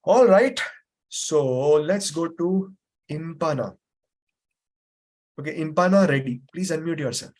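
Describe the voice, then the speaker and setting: A memory trainer holds a live online class on a video call, unhurried and pausing often as he patiently explains and repeats points, with frequent fillers. His voice is a little high and slightly mellow.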